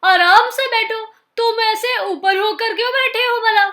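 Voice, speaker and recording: A woman voicing a guilty, soft-hearted male crocodile in a children's storybook, pleading and apologetic. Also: very high voice, unhurried, voice pushed up, heavily acted. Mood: friendly.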